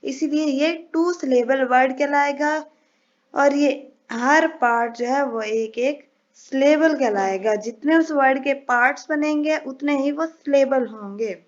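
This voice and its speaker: A woman with a high voice teaches an English lesson. She explains patiently, step by step, and reads the English examples slowly and carefully. The recording sounds slightly dull and lo-fi.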